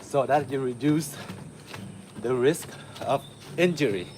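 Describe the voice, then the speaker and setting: A man from Vietnam hosting a martial arts livestream, chatting casually with viewers while he warms up, with lots of uh fillers. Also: medium pitch, slow, a little hiss or hum. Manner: relaxed, chatty, many uh fillers, laughs often. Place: home in the city.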